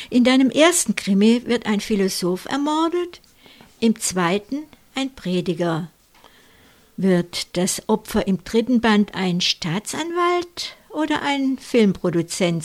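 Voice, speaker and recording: Female interviewer, unhurried, mid-pitched, measured questions. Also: animated.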